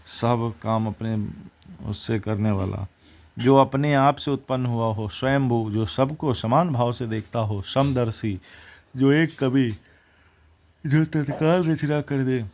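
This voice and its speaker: A man's voice: medium pitch, slow pace, a little mellow. A man teaching exam vocabulary, reciting words and their opposites one after another and correcting himself as he goes.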